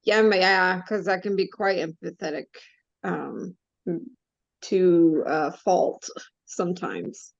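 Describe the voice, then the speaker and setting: Woman, gravelly fry, mid pitch, dry close sound, muffled lo-fi. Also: slow, no echo. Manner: laughs often, light and agreeable. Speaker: podcast co-host. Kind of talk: casual faith chat. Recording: dull, slightly muffled sound.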